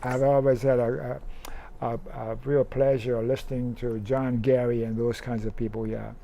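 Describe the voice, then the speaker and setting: A man's voice: medium pitch, level tone, normal speed, vocal fry, warm tone, a little hiss or hum. A man hosting an interview, asking questions in a friendly, encouraging way with short responses. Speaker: interview host. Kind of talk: casual interview.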